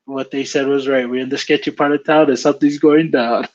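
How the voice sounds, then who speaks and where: A man of middle pitch tells a story in a relaxed, casual way. He plays out his own reactions in animated quoted lines. The sound is a bit dull and lo-fi. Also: brisk.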